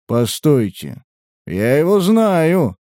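A man voicing a big, rough-mannered male giant soldier in an audiobook. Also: mid-range voice, very animated, measured pace, a little mellow, no room sound, studio quality. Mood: bewildered. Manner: gruff, bellowing.

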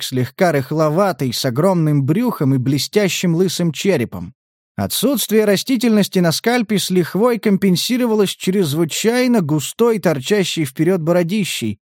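Guy reading a book aloud, kinda high voice, dead dry mic. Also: darkish tone, dry recording. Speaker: narrator. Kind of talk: audiobook narration.

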